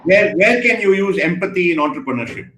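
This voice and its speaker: Energetic high-voiced man lecturing. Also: a little fast. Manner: energetic, questioning and praising students. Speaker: guest speaker. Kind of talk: interactive online lecture. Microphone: video call. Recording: echoey room, faint noise.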